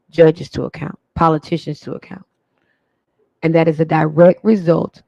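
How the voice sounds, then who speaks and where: A man's voice: on the high side, darkish tone, no room sound, muffled recording. A man hosting a live stream, talking pointedly about community and accountability with repeated phrasing. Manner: pointed, repetitive cadence. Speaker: livestream host. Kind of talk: live commentary.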